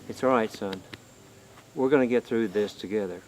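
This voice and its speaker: An older man, playing a grandfather who pleads gently and slowly with his grandson. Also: on the low side, natural voice, rough recording. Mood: consoling. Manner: gentle, pleading, slow and heartfelt. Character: grieving rural grandfather comforting his grandson. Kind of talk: film drama acting. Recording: crickets and night noise outdoors.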